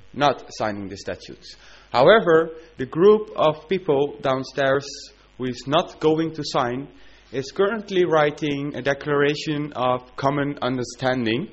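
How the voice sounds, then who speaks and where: A man speaking persuasively at a conference, announcing news and appealing to the room. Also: fairly high pitch. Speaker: conference delegate. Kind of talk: conference speech. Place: conference hall. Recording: dull conference-room recording.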